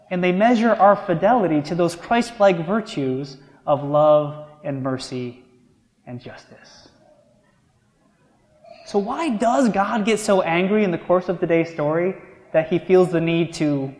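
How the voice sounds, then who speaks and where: A man preaching a sermon, telling a story in a conversational way and then slowing down to stress key words. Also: on the high side. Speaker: pastor. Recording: echoey church hall.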